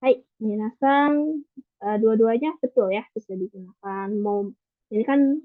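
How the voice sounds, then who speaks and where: A woman teaching a language class over a video call, her voice pitched somewhat high. She explains step by step, often checking in with her students. The sound is dry and thin, like a phone line. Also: a little slow, dry recording. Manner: patient explaining, frequent tag questions. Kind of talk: online class lesson. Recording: tinny call audio, dry.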